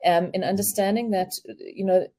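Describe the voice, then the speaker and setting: A woman speaking as a relationship expert on a video call, explaining in a calm, measured way. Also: mid-range voice. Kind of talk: remote interview, explaining.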